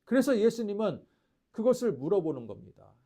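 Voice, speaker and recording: A man preaching a sermon as pastor, asking the congregation rhetorical questions and shifting between loud declarations and hushed lines. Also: sits high, very animated, fairly quick.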